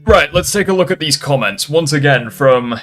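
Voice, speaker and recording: A man's voice: a little high, animated, moderate pace, fairly bright tone, soft background music. A man giving casual, irreverent commentary as a YouTuber answering critics, swearing and rambling into asides.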